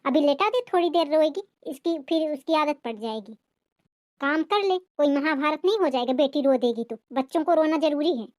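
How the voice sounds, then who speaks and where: Harsh middle-aged mother-in-law, voiced by a woman, scolding, accusing, high voice, dry sound. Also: lively intonation, moderate pace, darkish tone, no room sound. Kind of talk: cartoon family drama voicing.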